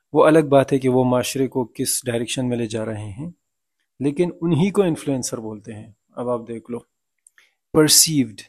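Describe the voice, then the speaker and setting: A man teaching a vocabulary lesson, repeating each word and giving slow, deliberate example sentences. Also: medium pitch, gravelly, darkish tone.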